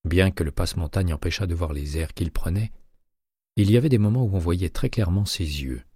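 A man narrating a crime novel audiobook in a measured, even reading. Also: low voice, slightly rough, dry recording, clean studio sound.

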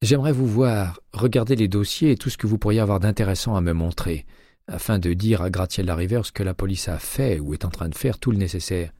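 Man doing a polite pushy ex-investigator guy on the phone, warm low dry voice. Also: brisk, no room sound. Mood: persuasive. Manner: polite, persuasive phone talk. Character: retired male investigator with a transplanted heart, polite and persistent.

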